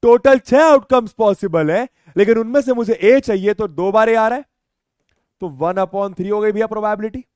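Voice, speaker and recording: Guy running a jokey online maths class, pretty high voice, clean dry audio. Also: moderate pace, darkish tone, smooth, no room sound. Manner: playful, teasing students, mixes English phrases. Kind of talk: joking live class lesson.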